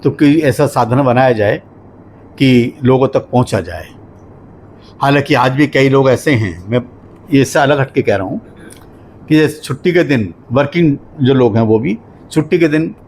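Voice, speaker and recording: A man speaking at a book discussion in a measured, explanatory way, with a mid-range voice. He works through his points with examples. A faint hum sits in the background. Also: medium pitch. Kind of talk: formal literary review talk.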